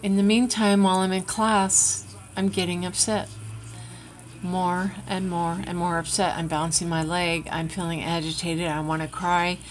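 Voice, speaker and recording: Speaking into a camera she adjusts herself, a woman vents in a candid personal vlog, rambling frankly through a personal story. She has a lowish voice, keeps a level tone, and talks at a normal speed.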